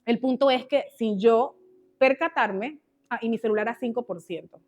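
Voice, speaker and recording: A woman, teaching a women's ministry sermon through an animated personal story with exclamations and quoted prayers. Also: a little high, normal speed. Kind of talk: testimony-style sermon.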